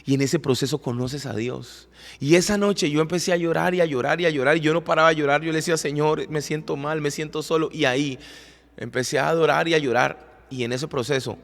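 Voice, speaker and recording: A man's voice: a little high, quick pace, creaky, long reverb tail. Earnest man telling his testimony. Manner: earnest, emotional, repeats and restarts words. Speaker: podcast co-host, worship leader. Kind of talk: personal testimony storytelling. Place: recording studio.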